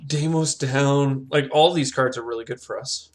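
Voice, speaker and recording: A man's voice: mid-range voice, normal speed. Man thinking aloud over a game. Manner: thinks aloud, talks himself through choices. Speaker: gameplay commentator. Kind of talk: casual let's-play commentary.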